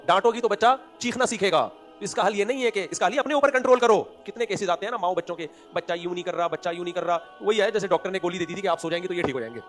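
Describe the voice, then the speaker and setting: A man with a Pakistani Urdu accent giving an Islamic sermon, swinging between loud emphatic points and quiet asides, asking rhetorical questions and answering them himself. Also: high voice. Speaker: religious scholar giving a lecture.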